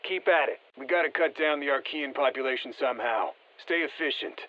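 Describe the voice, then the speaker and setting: A voice actor performs scripted mission-briefing lines as a gruff, folksy soldier in a video game, heard over a muffled radio. His mid-range male voice is brisk, and his colloquial, clipped tactical commands come across as steady, matter-of-fact, and confident.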